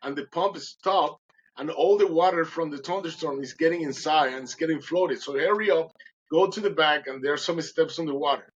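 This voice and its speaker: A man's voice: on the high side, fairly quick, husky, dull audio. A man voicing an older male fisherman in a retold story, urgent and commanding, with a kindly side.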